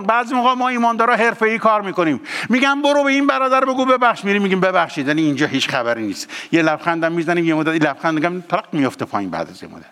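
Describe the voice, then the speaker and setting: A man's voice: on the high side, sharp tone, big-room sound. A male pastor preaching and praying, with emphatic, repeated exhortations. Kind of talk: sermon and prayer.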